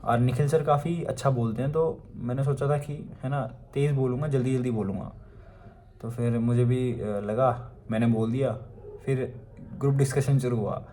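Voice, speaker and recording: A man's voice: medium pitch, steady tone, normal speed, dark tone. Young Indian man, conversational storyteller, loose and chatty, filler-heavy delivery. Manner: chatty, many fillers and asides. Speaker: vlogger. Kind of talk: casual storytelling.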